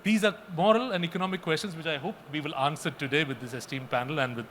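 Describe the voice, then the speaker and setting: Earnest man, halting panel remarks. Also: on the high side, a bit bright, a little hiss or hum. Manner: earnest, repeats himself often, halting restarts.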